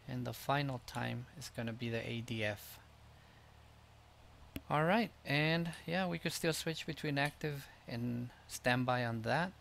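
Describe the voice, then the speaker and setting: A man hosting a screen-recorded tutorial, explaining each step in a relaxed way with frequent fillers. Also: medium pitch, vocal fry, slight background noise. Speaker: tutorial host.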